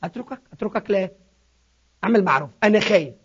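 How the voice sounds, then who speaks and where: A man preaching a sermon, swinging from hushed asides to shouted appeals. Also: extremely high pitch, animated, fairly quick, slightly rough. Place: church in Sydney. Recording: dull lo-fi recording.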